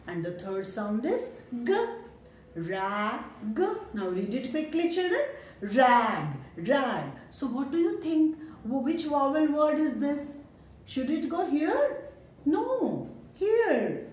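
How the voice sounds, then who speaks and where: Woman, Indian English, high lively voice, sing-song kindergarten teacher, very echoey room. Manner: sing-song, encouraging teacher talk, sounding out letters slowly. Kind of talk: online phonics lesson for young children. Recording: very echoey room with faint background noise.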